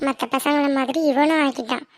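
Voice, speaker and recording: A woman's voice: high-pitched, steady tone, brisk, over loud music, pitched below the performer's own voice. A woman voicing a young woman in a cartoon who worries over her boyfriend and comforts her friend. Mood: fretting. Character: young woman in love, anxious and caring. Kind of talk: cartoon voice acting.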